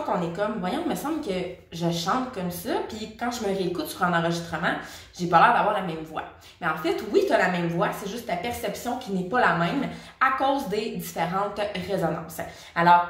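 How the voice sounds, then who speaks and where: A woman's voice: medium pitch, fairly bright tone. Chatty Québécois woman in echoey room. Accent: Québécois French. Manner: chatty, direct, addresses viewer informally. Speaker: singing teacher. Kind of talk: casual vocal lesson.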